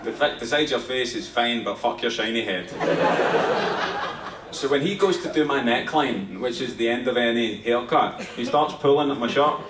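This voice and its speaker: A Scottish man in his thirties works through a live stand-up set, conversational and punchy, with plenty of swearing. He sounds a little distant from the mic, and the theatre rings with echo. Audience noise sits clearly underneath him. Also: medium pitch, moderate pace. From Scotland. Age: 30s. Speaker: stand-up comedian. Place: theatre stage before a laughing audience.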